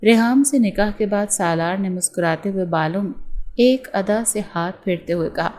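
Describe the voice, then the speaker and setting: A woman reads a romance novel aloud at a medium pitch, staying steady and even as she takes every part herself. Her delivery is scripted storytelling. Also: moderate pace. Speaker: novel narrator. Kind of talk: scripted narration of a romance novel with acted dialogue.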